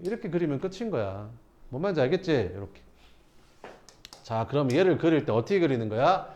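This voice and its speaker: A man teaching math to students, asking rhetorical questions and answering them himself. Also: a little high. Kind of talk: lecturing students through problems.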